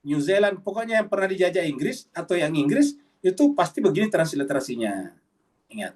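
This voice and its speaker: A middle-aged man preaching a Quran study sermon, emphatic and fond of repeating points for the congregation. His voice sits a little high for a man. He is picked up from a distance, away from the mic. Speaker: Islamic preacher.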